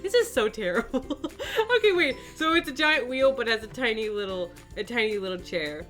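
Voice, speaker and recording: A young woman hosts a casual reaction chat, giggling and exclaiming as she goes. Her voice sits a little high and swings widely in pitch, with a bright, sharp edge. Faint music plays underneath. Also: moderate pace. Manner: giggly, animated, exclaiming in disbelief. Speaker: YouTube artist host.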